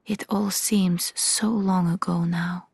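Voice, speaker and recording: Give this game character the voice of a talking doll: gentle, solemn and devoted. She speaks in a very breathy, hushed whisper, with slow, formal phrasing and a close, soft delivery. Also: fairly low pitch, fairly even intonation, dry recording, full character voice. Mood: serene, tender. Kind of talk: video game character dialogue.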